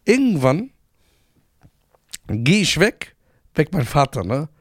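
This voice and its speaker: A man's voice: a little high, very animated, slow pace, no room sound, studio quality. A young man co-hosting a casual chat, teasing his friend and swearing that his own story is true.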